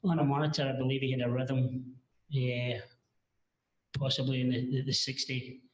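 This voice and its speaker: A man testifying as a paramedic witness, answering in a halting, hesitant, plain-spoken way, heard in a courtroom recording. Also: medium pitch, level tone, roomy sound, slight background noise, low-quality recording.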